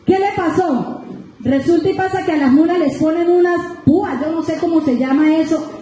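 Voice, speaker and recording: A woman with a Colombian Spanish accent, a guest preacher, telling a testimony story in an animated, storytelling way to the congregation. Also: very high-pitched, normal speed, a little hiss or hum. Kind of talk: sermon testimony. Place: large church sanctuary. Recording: very echoey church hall.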